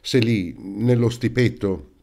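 Audiobook: man reading a distressed young woman, protesting, low-voiced. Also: slow, a little mellow. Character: indignant young woman, tearful and upset.

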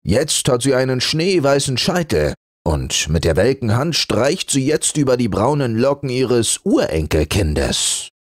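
A man's voice: animated, moderate pace, hardly any pauses, a little mellow, no echo, clean studio sound. A man voicing a fat, pompous male fur piece who mocks and boasts about knowing everything. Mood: smug. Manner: mocking, boastful, booming laugh.

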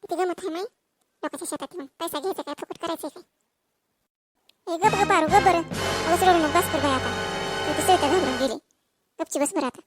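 A woman voicing a bossy but soothing village coworker in a cartoon, scolding briskly. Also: extremely high pitch, over music. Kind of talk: dubbed cartoon voice.

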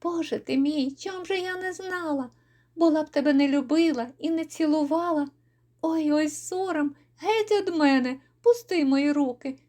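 A woman voicing a lively young village girl who pleads and cries out in quick, excitable bursts. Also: high-pitched. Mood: distraught.

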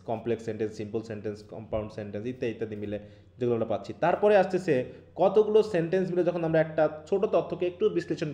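Man, Bangladeshi Bengali accent, English teacher, online lecture, asks students questions, mellow tone, echoey room. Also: mid-range voice. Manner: keeps checking in with students by asking questions.

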